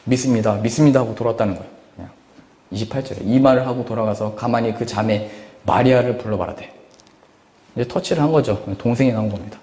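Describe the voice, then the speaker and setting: A pastor preaches expressively at a Sunday church service, reading scripture and driving his points home with rhetorical questions. His mid-range voice moves quickly and echoes through a large hall.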